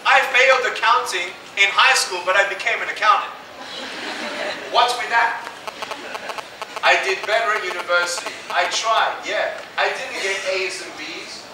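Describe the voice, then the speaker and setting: Man, motivational speaker, lively storytelling, rhetorical questions, distant noisy hall recording. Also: high voice. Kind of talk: motivational speech to students. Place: university lecture hall. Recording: echoey hall recorded from far off with noise.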